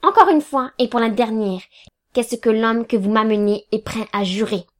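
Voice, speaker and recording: A woman's voice: fairly high pitch, expressive, moderate pace. Woman doing a stern, commanding lawyer. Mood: severe. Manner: clipped, commanding, sharp rebukes. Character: stern, curt middle-aged male lawyer.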